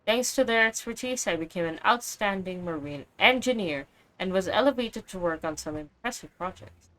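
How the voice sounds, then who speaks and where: A woman voicing a calm, kindly older male weapon engineer as she reads game dialogue aloud, steady and explanatory with small slips. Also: mid-range voice, normal speed, close to an everyday voice, poor audio. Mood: recounting.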